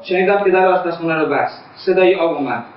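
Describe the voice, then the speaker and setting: An actor playing a volatile young son who threatens someone who has been spying on him, in a radio drama. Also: male voice, high-pitched, slight background noise, lightly acted. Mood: recounting. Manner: tense, threatening. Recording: echoey, distant, dull lo-fi sound.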